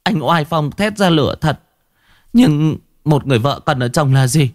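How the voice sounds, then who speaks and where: A man's voice: high-pitched, lively intonation, unhurried, dry recording, clean studio sound, pitched above the performer's own voice, heavily acted. A man voicing a pleading young woman, an unfaithful wife who stammers and sobs as she begs. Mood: reproachful. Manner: stammering, begging. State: sobbing.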